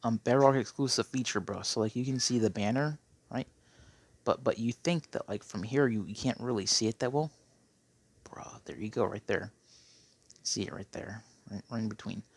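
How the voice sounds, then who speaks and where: This Minecraft player has a voice on the low side and speaks at a moderate pace, rambling casually about his gameplay. His throat is phlegmy, prompting frequent throat-clearing, and he keeps ending remarks with "okay?".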